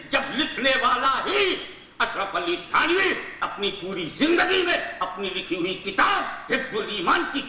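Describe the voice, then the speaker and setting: A man delivering a fiery religious speech, impassioned and full of rhetorical repetition, often rising to a shout. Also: extremely high pitch. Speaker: preacher. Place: large hall with audience. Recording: echoey hall from a distant mic.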